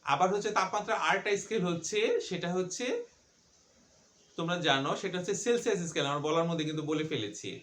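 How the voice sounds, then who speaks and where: A male teacher lectures on physics with a fairly high voice. He keeps asking questions and answering them himself, repeating each point so it sticks. The sound is roomy, with a clear echo. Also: quick pace, fairly bright tone. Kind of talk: classroom lecture. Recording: echoey room.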